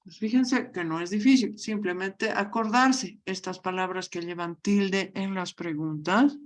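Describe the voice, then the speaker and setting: Woman, university teacher, online lecture, stresses key words, mid pitch. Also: unhurried. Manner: repeats "fíjense", stresses question words.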